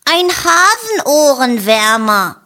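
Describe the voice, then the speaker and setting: A woman voicing an excitable male rabbit in a storybook reading, eager and grumbling by turns. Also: high-pitched, takes it slowly, pitched above the performer's own voice, exaggerated voice.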